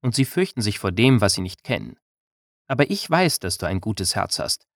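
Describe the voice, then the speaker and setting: A man's voice: on the low side, sing-song, normal speed, dry recording, studio quality. A male narrator voicing a bold, playful young village woman in an audiobook. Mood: teasing. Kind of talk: audiobook character reading.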